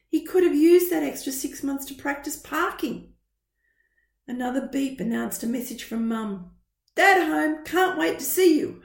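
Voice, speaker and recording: A woman's voice: a little high, mellow. Woman narrator reading a story in an echoey room. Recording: roomy echo.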